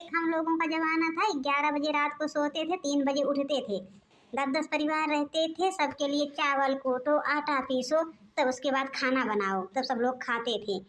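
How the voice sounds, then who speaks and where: A woman voicing a domineering, arrogant older mother-in-law in a cartoon, shouting and taunting her daughters-in-law. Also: high voice, steady tone, moderate pace. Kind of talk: cartoon voice acting.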